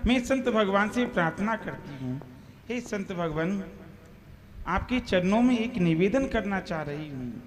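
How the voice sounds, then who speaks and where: A man playing a gentle mother who soothes her daughter and speaks respectfully to a saint, in a folk stage play. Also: high-pitched, expressive, unhurried, a little hiss or hum. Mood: soothing. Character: gentle mother of a young girl.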